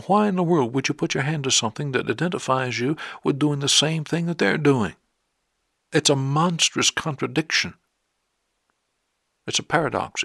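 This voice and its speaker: A man's voice: on the high side, vocal fry, a bit bright, no room sound, studio quality. A man preaching a sermon, emphatic and firing rhetorical questions at his listeners.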